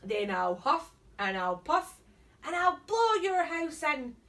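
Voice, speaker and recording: A woman's voice: medium pitch, steady tone, measured pace, distant mic, slight background noise, pitched below the performer's own voice, natural voice. A woman voicing a big bad wolf from a storybook, boastful and menacing, in chanted threats. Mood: threatening.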